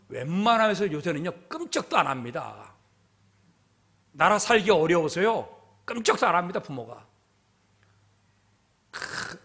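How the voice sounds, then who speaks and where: A man preaching to his congregation with a high, bright voice that swings widely in pitch. He drives each point home and keeps asking rhetorical questions of his listeners. The delivery is emphatic and full of repetition. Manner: emphatic, repeats "everyone" and asks rhetorical questions. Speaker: pastor. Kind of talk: sermon. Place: church sanctuary.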